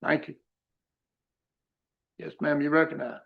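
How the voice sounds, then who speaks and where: A man chairs a county meeting with brief, courteous words in a gravelly voice. The sound is dull and lo-fi. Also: fairly high pitch, monotone, measured pace.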